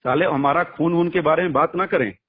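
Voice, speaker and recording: This man's voice is fairly high, husky, and fairly quick. He's a music artist's manager being interviewed in a heated phone call, making his case with emphatic bluntness and rhetorical questions, captured in a muffled lo-fi recording.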